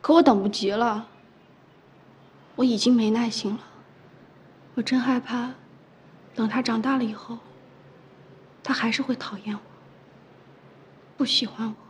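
An actress playing an anxious young mother in a TV drama, speaking softly. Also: on the high side, steady tone, a little slow, long pauses, a little hiss or hum, lightly acted. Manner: soft, anxious, soothing. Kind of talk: TV drama acting.

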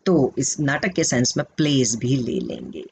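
A man's voice: mid-range voice, wildly swooping pitch, a little slow, gravelly. An Indian man with an Indian accent who teaches English in an online class, mixing Hindi and English and quizzing his students. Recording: dull lo-fi sound with faint noise.

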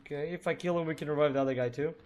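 A man streaming an online shooter game, excitedly talking to teammates and cursing at his mistakes. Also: fairly high pitch, rapid-fire. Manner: excitable, swearing, shouting at teammates. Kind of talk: live gaming commentary.

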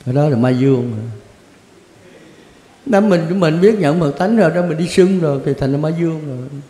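A man's voice: on the high side, normal speed, mellow. An older man, a Zen teacher answering questions in a blunt, colloquial way with chuckling asides. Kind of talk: answering questions in a Dharma talk. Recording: echoey hall with long reverb.

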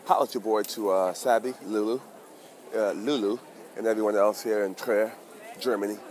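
A man hosting a casual street vlog outdoors, talking excitedly and in slang straight to his viewers. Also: on the low side, normal speed. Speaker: vlog host. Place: outdoors on busy town streets. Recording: busy street crowd and noise.

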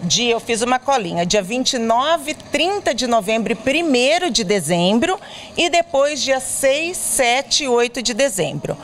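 A woman's voice: a little high, very animated, unhurried, slight background noise. A middle-aged woman volunteer interviewed at a charity bazaar, explaining earnestly with frequent hesitations into a handheld mic. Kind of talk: on-camera interview. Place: indoors at a clothing bazaar. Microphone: handheld reporter mic.

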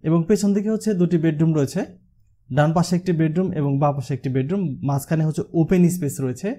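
Explaining a house design on a 3D model for his channel, a man from Bangladesh keeps returning to the filler হচ্ছে throughout the walkthrough. He talks quickly, and his fairly high voice has a dark tone.

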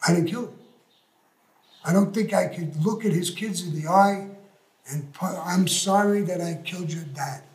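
A man's voice: sits high, normal speed, darkish tone. An older man, telling his story bluntly and profanely in a recorded interview. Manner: blunt, profane, tough-talking. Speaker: interview guest. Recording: roomy echo with faint music.

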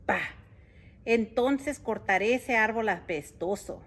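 A woman voicing a grumpy, cranky male town mayor in a storybook reading, loud, scolding and exasperated. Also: on the high side, slow, slight background noise.

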